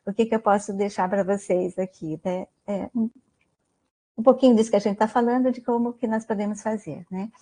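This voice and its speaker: Brisk and dark-toned, her mid-range voice holds a fairly even intonation. This Brazilian Portuguese-accented woman is a guest lecturer on mindfulness, giving a conversational online talk where she often says "né?" and asks her listeners questions.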